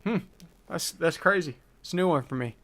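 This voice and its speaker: A male streamer with a slightly bright voice on the high side talks a little fast as he answers chat questions about engine tuning. Casually reading each one aloud, he thinks through his replies with many fillers.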